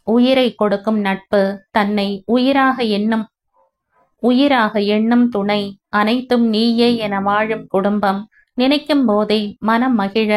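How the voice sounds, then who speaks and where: A woman narrating a family novel as an audiobook reader, with steady storytelling. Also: mid-range voice.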